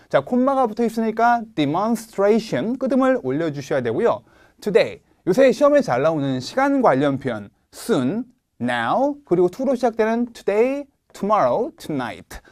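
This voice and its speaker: A man teaching an online exam-prep lecture, quizzing viewers with quick rhetorical questions and reading English examples slowly, stressing each word. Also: a little high, a little mellow. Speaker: TOEIC speaking instructor.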